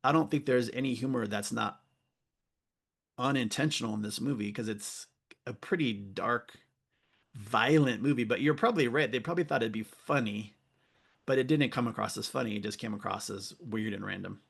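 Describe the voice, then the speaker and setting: A man's voice: medium pitch, normal speed, gravelly, a bit bright, slightly rough. A man hosting a podcast, chatting casually and rambling, laughing often as he acts out lines. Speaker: podcast host. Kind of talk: casual chat.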